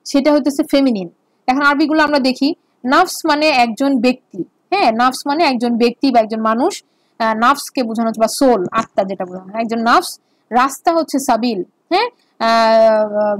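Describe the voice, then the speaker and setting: A high-pitched woman teaches basic Arabic grammar in an online lecture, explaining patiently and repeating words, with plenty of fillers. There's no room sound in the recording.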